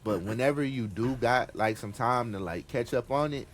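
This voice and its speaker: A man hosting a casual podcast chat, retelling a story in an animated, slangy, excitable way. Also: mid-range voice, moderate pace. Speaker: podcast host.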